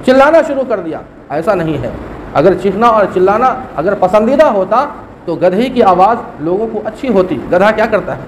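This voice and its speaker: A man preaching a Friday sermon, emphatic, repeating key phrases and reciting Arabic verses quickly. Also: high voice, slight background noise. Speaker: mufti preacher.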